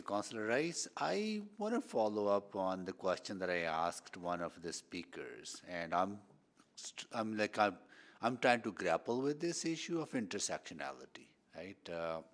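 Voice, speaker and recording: Brief: man, councillor, very low voice, halting, searching for words. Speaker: city councillor. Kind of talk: council meeting questioning. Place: council meeting room.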